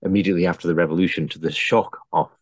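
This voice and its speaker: A man's voice: low voice, steady tone, very fast, no room sound, studio quality. A man giving historical commentary in a conversational style.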